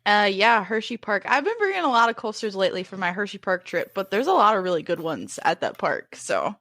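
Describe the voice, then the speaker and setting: A young woman co-hosting a casual podcast, talking in a lively, playful way and laughing often. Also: mid-range voice, a little fast, no echo, clean studio sound. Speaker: podcast co-host. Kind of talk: casual chat.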